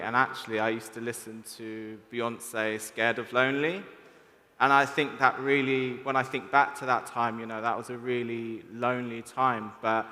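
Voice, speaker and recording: Male panel guest, flat and bright voice, reflective and halting, hall reverb. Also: mid-range voice. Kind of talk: personal testimony. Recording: echoey hall.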